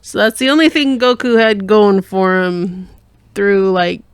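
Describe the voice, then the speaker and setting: A woman's voice: mid-range voice, a little slow, clear, resonant tone, no room sound. A woman co-hosting a casual chat in a home studio, playful and teasing, laughing often. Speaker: co-host.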